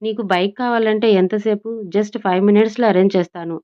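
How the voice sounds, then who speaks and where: A woman's voice: mid-range voice, fairly even intonation, quick pace, mellow, clean tone, muffled recording, lightly acted. A woman voicing a playful rich young man. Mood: exasperated. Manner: playful, mock-stern.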